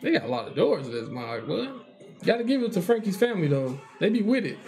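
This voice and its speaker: With faint music in the background, a high-voiced man co-hosts an anime reaction, talking fast and casually. He jokes around a lot and often acts out bits in silly put-on voices.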